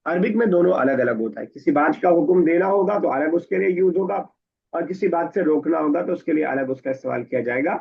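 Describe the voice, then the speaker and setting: A man's voice: on the high side, a little fast, gravelly, slightly rough. A man teaching an Arabic grammar class, patiently explaining and quizzing his students. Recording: dull lo-fi recording.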